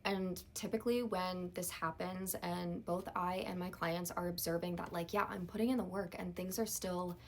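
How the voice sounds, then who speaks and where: A woman plays a calm therapist in a counseling role-play. She speaks in a measured, validating way, in a slightly low voice with noticeable vocal fry. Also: a little hiss or hum, lightly acted. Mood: calm, supportive.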